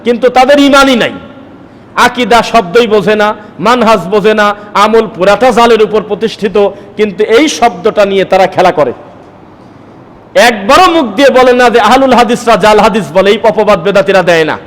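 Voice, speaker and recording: A man preaching a sermon, pressing his listeners with forceful rhetorical questions. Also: high-pitched, moderate pace. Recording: long hall reverb.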